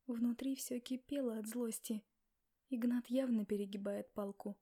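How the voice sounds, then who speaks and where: Woman reading a novel aloud, mellow dark voice, fairly high, dramatic. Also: fairly even intonation, normal speed. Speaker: audiobook narrator. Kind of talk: first-person audiobook narration.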